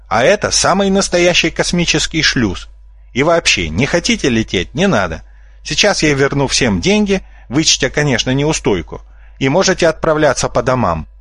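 A man's voice: fairly high pitch, fairly bright tone, dry recording, voice pushed up, heavily acted. A man voicing a sly red-haired male fox swindler who talks in a brash, bossy way. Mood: indignant. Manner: brash, bossy, smooth-talking.

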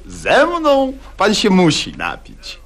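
A pushy, jovial guest raising toast after toast in an old radio comedy,. He speaks slowly in a high voice that leaps around in pitch. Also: wildly swooping pitch, a bit bright, exaggerated voice. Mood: insistent. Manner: insistent, jovial.

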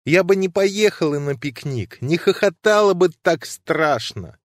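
A man's voice: lively intonation, a little slow, no room sound, clean studio sound. A man reading an audiobook, voicing a distraught young woman who pleads in anguish. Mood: anguished pleading. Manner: anguished, pleading, raised pitch. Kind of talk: audiobook reading of classic prose.

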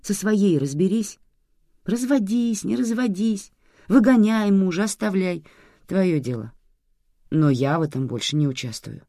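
A reader plays a resentful young woman setting hard limits with her mother. Her tone is firm and reproachful, with a lively, swinging pitch. The recording is dry and close. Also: measured pace, dry recording.

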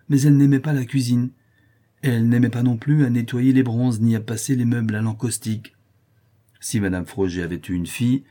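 Low, husky man narrating a novel. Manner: measured, expressive reading. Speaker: audiobook narrator.

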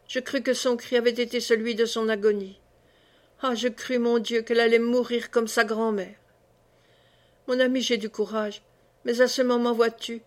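A woman reading a historical novel aloud as an audiobook, telling a sorrowful first-person account in a measured way. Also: fairly high pitch. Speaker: audiobook reader.

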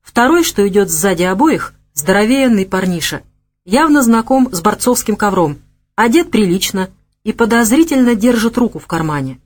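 A woman reading the lines of a jittery young male gang scout who reports over a radio in a hushed, tense way. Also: medium pitch, lively intonation, moderate pace, close to an everyday voice.

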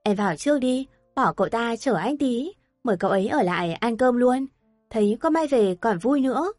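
A gruff but easygoing country father in an audio story, as a woman narrator plays him. He grumbles offhand in a raised voice. It is recorded dry. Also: on the high side, lively intonation, normal speed, a little mellow, no room sound, faint music behind.

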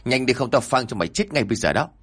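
A man voicing a furious, violent middle-aged father who shouts harsh threats in a husky voice. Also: mid-range voice, lively intonation, fast.

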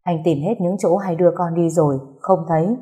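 Woman voicing a calm, steady father. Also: lowish voice, a little fast, natural voice. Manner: calm, reassuring.

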